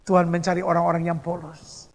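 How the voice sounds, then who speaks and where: A man's voice: a little high, flat delivery, brisk, creaky, big-room sound. A man preaching a sermon as pastor, emphatic, counting off his points and acting out the people he quotes.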